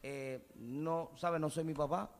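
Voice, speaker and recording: Brief: man, somewhat high voice, halting and earnest, reverberant studio. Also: fairly even intonation. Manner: halting, many fillers, earnest. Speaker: guest singer. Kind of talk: casual radio interview.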